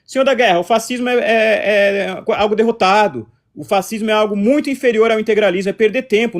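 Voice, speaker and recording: A man with a Brazilian accent hosting a casual live stream, talking combatively and repeating himself as he answers chat comments. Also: high-pitched. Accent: Brazilian Portuguese.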